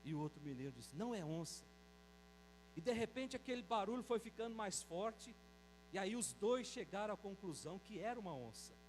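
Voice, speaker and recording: A Brazilian priest giving a Sunday homily, reading scripture slowly and telling a folksy joke along the way. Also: male voice, high-pitched, big pitch swings, slight background noise, low-quality recording. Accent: Brazilian Portuguese. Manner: slows down to read scripture aloud, tells folksy jokes.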